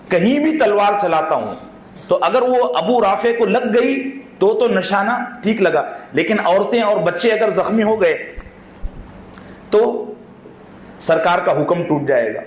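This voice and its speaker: A man's voice: high voice, lively intonation. A man preacher retelling a story as a sermon to a gathering in a hall, acting out the scenes and talking straight to his listeners. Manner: vivid storytelling, acting out scenes, addressing the audience directly. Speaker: Islamic preacher. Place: closed hall with audience. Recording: echoey hall with faint ambience.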